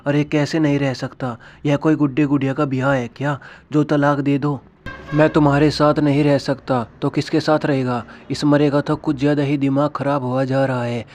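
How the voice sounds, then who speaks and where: Man doing a worried elderly mother-in-law, motherly, pleading, flat even pitch, mid voice. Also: normal speed, close to an everyday voice. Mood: reassuring.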